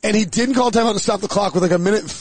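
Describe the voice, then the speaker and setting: A man hosting a casual sports chat, talking fast with lots of "like" fillers. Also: high voice, darkish tone. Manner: fast, filler-heavy talk with "like".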